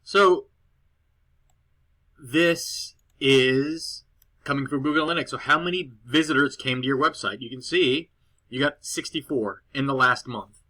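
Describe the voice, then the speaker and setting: A man talks through a report in a relaxed, rambling way, full of fillers and restarts. His voice has a bright, forward edge and sits at an ordinary middle pitch. It sounds like a casual screen recording made on a cheap laptop at home. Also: a little slow. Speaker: SEO consultant presenting a client report. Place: girlfriend's house, indoors.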